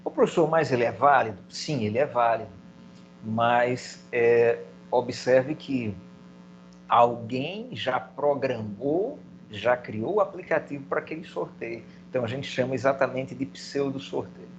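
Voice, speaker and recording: A man's voice: medium pitch, measured pace, muffled recording, slight background noise. A man teaching a recorded video lesson, explaining step by step and putting questions to himself in his students' voice. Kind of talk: video lecture.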